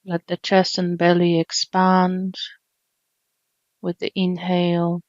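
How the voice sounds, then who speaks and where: Slow and soothing, a woman talks through a body scan meditation, pausing for long stretches between phrases. Her lowish voice is entirely flat, and the recording is dry and a bit dull, with no room sound; she's a meditation teacher.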